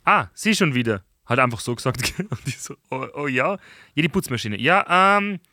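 A young man, a podcast host, chatting casually and acting out stories with lively dialogue. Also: medium pitch, moderate pace, no room sound, clean studio sound. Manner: animated storyteller, acts out dialogue. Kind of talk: casual chat.

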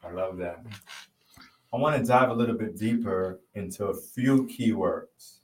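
Slow-speaking male podcast host, roomy. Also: fairly low pitch, a little mellow. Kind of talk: interview podcast. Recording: roomy echo from a distant mic.

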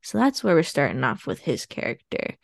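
A woman with a low, creaky voice talks briskly with big pitch swings while co-hosting a podcast. She casually rambles through a plot summary, laughing and using many fillers, with no echo in the recording.

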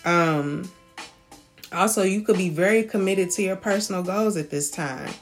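A tarot reader gives a casual spoken reading in a voice on the low side, at normal speed, with soft music behind her. She's chatty and loose, often checking in with "okay?" and laughing lightly.

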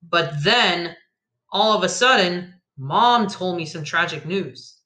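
A storyteller narrating a dramatic first-person tale, emphatic and given to loud outbursts. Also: medium pitch, takes it slowly. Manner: emphatic, shifts from flat telling to loud outbursts.

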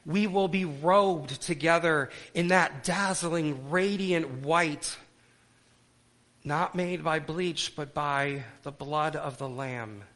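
A male pastor with a somewhat high voice leads a church service. He delivers sermon and liturgy solemnly, shaping his words in short, measured clauses. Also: a bit bright. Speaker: pastor leading worship and communion.

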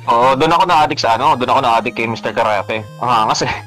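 A man's voice: mid-range voice, fast, bright, forceful tone, rough recording. A man co-hosting a casual podcast about video games, rambling with lots of filler words and switching into English. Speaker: podcast co-host.

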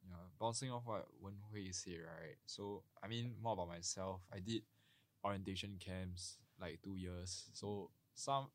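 A man's voice: low voice, steady tone, a little slow. A young man with a Singaporean accent, chatting in Singlish in a casual student discussion. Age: young adult. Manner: Singlish with local particles. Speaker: university student on a podcast.

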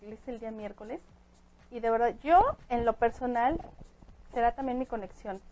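A woman giving calm, explanatory spiritual advice about angels as a guest on a chat show. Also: a little high, normal speed, low-quality recording. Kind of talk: casual chat.

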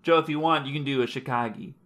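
Male podcast host, relaxed, rambles, teases his friends. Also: medium pitch, quick pace. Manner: laid-back, rambling, teasing. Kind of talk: casual chat.

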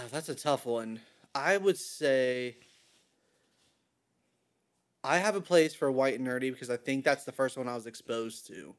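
A man's voice: mid-range voice, measured pace, pauses often. A man co-hosting a podcast, telling anecdotes in an enthusiastic, casual way. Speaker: podcast co-host. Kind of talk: casual chat.

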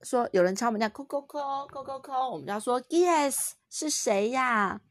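The speaker is a young woman, a mother with a Taiwanese Mandarin accent, who plays at teaching her small child French vocabulary at home with patient encouragement. Her voice is high with lively intonation and a normal pace, recorded at studio quality with no room sound.

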